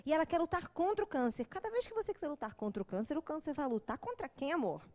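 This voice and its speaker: A woman's voice: sits high, fast talker. A woman psychologist giving an informal, joking lecture to an audience, acting out little scenes as she goes. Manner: lively, joking, acts out little quoted scenes.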